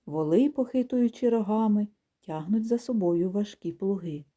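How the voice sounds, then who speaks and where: Very mellow woman reading a storybook. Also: mid-range voice, moderate pace. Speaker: audiobook reader. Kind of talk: storybook narration.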